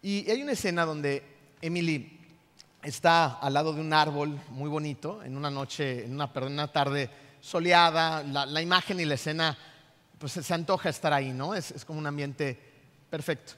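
A man, a pastor preaching a lively sermon in a church, constantly throwing rhetorical questions at the congregation. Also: fairly high pitch, moderate pace. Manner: animated, asks the congregation many rhetorical questions. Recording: reverberant church hall.

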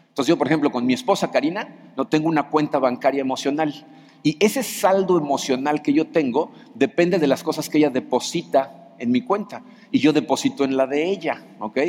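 A man's voice: fairly high pitch, a little mellow. A man preaching a sermon in a church hall, in a conversational style with frequent rhetorical questions. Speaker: pastor.

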